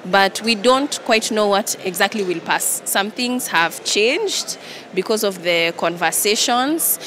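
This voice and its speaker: A young woman with a Kenyan accent gives an on-the-spot interview into reporters' handheld microphones in a large indoor event hall, switching between English and Swahili. Her medium-pitched voice is expressive and fairly bright, and she takes it slowly, with the busy hall clearly audible behind her.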